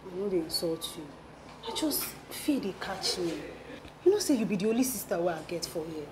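Anxious Pidgin-speaking friend. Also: female voice, on the low side, a little fast. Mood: worried. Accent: Nigerian Pidgin. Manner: worried, animated friend. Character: anxious young woman, protective friend. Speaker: shop coworker. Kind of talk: Nollywood film acting.

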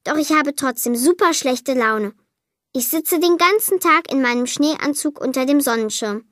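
A woman reading a children's Christmas story aloud, lively and lightly voicing the girl and her parents. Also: high voice, normal speed, no echo, clean studio sound. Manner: lively, voices the child, mother and father lightly.

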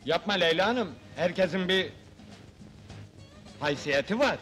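A blustering comic doorman, with a high voice for a man who shouts and curses at everyone. The delivery has old film comedy bite. Film music plays behind him. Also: animated, unhurried. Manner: loud, blustering, swears freely. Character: brash comic male apartment doorman, scheming. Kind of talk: 1970s comedy film acting.

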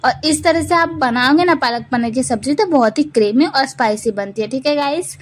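A woman's voice: high voice, a little fast, slight background noise. A woman hosting her cooking channel, talking through a recipe step by step in a chatty way, often checking in with "theek hai guys.". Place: home kitchen.

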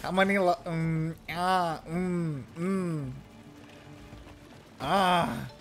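A player in casual let's-play banter, jokey and excitable, stammering into restarts and breaking into shouted outbursts. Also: mid-range voice, extremely slow, faint music behind. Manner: stammering restarts and trailing fillers. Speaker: co-op game player.

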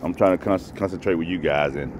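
A man with a low, darkish voice talks fast as he fishes from a grassy pond bank. He's a vlogger giving casual commentary to viewers, captured on a head-mounted camera. Faint outdoor sounds sit in the background.

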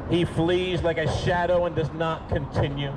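A man preaching in the open air by a street, pleading and rebuking by turns, at times shouting and then dropping low. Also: steady tone, moderate pace. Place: outdoors by a street with passing traffic. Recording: outdoor street noise, traffic. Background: cars passing.

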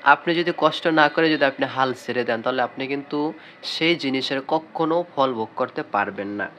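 A man's voice: medium pitch, a little hiss or hum. A young man teaching Quran reading in a video lesson, calling out letter names and asking and answering his own questions. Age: young adult. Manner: calls out letter names loudly and slowly.

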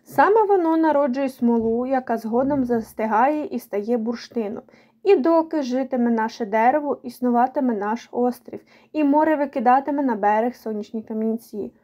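A woman voicing an ancient male ruler of an amber island in a children's storybook, speaking in grand, measured pronouncements. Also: fairly high pitch, warm tone, highs cut off, lightly acted. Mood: stern.

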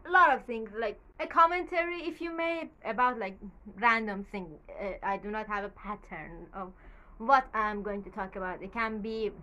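A young Farsi-speaking YouTuber records casual movie commentary on a camera at desk distance in her small bedroom. Her fairly high voice sounds pushed and bright. She's a little nervous and rambles, leaning heavily on fillers.

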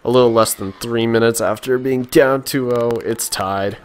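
A tired man casually commentating his own hockey video game, chatty and quick to react. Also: medium pitch, fairly even intonation, smooth.

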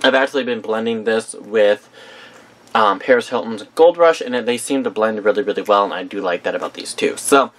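A man's voice: on the low side, a little fast, fairly bright tone. A man reviewing perfumes in a casual vlog, chatty and enthusiastic with frequent ums, and he has the hiccups.

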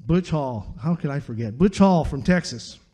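An older man spins a rambling, chatty story, his voice mellow and set a little high for a man. He tosses in dude and man and talks in a relaxed, easygoing flow. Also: moderate pace. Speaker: flutist. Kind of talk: casual storytelling.

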